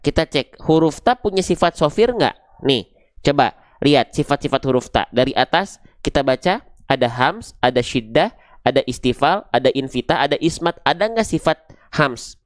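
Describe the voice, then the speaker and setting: A man teaching Quran recitation, patiently repeating and drilling syllables slowly. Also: on the high side, lively intonation, no room sound, clean studio sound. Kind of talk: online pronunciation lesson.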